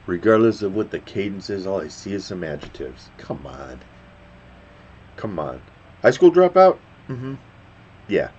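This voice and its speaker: Man, very low voice, rambling reaction commentary, faint background noise. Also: sing-song, darkish tone, lo-fi sound. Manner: rambling, halting, stops to restart sentences. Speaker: reaction video host.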